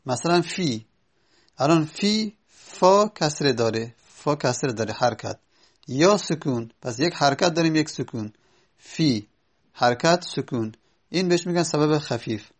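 A man's voice: on the high side, lively intonation. A man teaching a lesson on Arabic prosody, patiently spelling out examples letter by letter with fillers. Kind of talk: spoken lecture.

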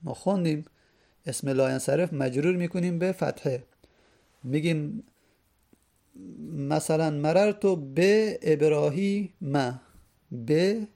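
A man teaching an Arabic grammar lesson in Persian, reading each rule aloud and then explaining it slowly with repeated examples. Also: fairly high pitch, creaky, dark tone.

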